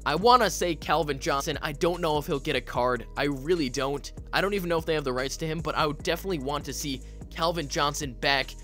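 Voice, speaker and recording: A man's voice: fairly high pitch, quick pace, few pauses, pushed and bright. A man hosting a gaming video, giving casual, opinionated commentary as he thinks aloud. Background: music.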